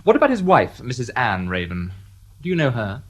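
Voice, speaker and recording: A shrewd, wry police inspector in a radio drama, needling suspects with dry, sardonic politeness. His voice is lively and moves over a wide range. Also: mid-range voice, a little fast.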